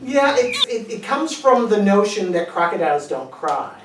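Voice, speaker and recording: Man playing a pompous fake professor, deadpan, self-assured, echoey room, distant mic. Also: high voice, normal speed. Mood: smug. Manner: deadpan, confidently matter-of-fact. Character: pompous male professor spouting bogus word origins. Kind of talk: comedy sketch banter.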